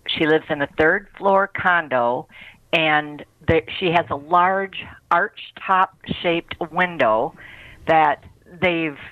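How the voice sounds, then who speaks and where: A woman's voice: low-pitched, no room sound. A middle-aged woman calling in to a radio show, asking her question hesitantly and searching for words. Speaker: caller. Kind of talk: phone-in question. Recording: muffled phone line.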